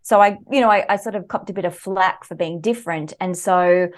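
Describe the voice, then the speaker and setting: A woman with an Australian accent and a lowish voice appears as a guest author in a conversational podcast interview. She speaks briskly, telling personal stories with animation and laughing easily.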